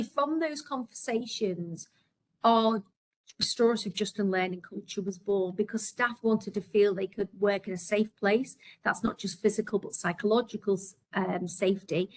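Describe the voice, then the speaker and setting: This woman speaks with a Scouse accent and presents at a quick clip. She is earnest and practical, with frequent ums and small restarts as she works through her slides. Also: medium pitch, poor audio. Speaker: healthcare leader presenting. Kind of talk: webinar presentation.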